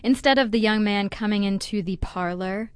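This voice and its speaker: A woman co-hosting a casual chat, explaining in a lively, conversational way with everyday slang. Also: mid-range voice, normal speed, clean tone, no room sound. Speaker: podcast co-host.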